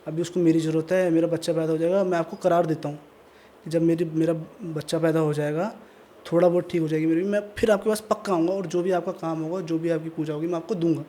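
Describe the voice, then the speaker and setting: Man doing a young husband, terrified, pleading, Pahari Hindi accent, high mellow voice. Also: steady tone, fast talker, natural voice. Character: terrified young husband begging for his life.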